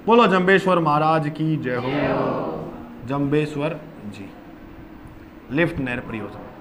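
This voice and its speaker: A male teacher giving a classroom lecture, loud and playful, drilling students with call-and-response chants. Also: high voice, slight background noise.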